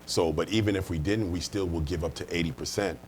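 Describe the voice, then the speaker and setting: A man's voice: sits low, fairly even intonation, fast talker, darkish tone, a little hiss or hum. A man from the United States explaining things earnestly in an interview, restating his points as he goes. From United States, born and raised. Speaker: life insurance manager, interview guest. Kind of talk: conversational interview answers, explaining.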